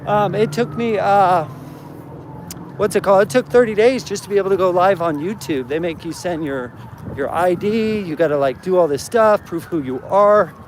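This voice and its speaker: A man hosts a casual live stream, chatting upbeat and straight to his viewers while he carries his gear outdoors. His voice sits high for a man. Loud vehicle and street noise from the open lot runs under his phone audio. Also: normal speed. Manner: upbeat, talks straight to chat. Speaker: livestream host. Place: outdoors at a truck stop parking lot. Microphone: handheld phone.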